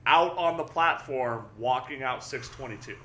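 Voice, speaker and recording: A young adult man, a powerlifter and guest, telling a story in casual chat, animated and swearing freely, often repeating words. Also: mid-range voice, normal speed.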